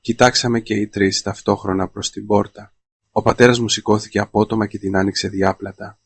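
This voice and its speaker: A man narrating a scripted first-person story in a flat, monotone reading. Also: lowish voice, slight background noise.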